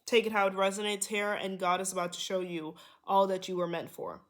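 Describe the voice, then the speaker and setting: A tarot reader with a nasal voice, sounding a little under the weather, gives her viewers a spiritual card reading. She speaks at medium pitch with a flat, fairly quick delivery and a fairly bright tone, reassuring them and repeatedly saying "okay?" and "here".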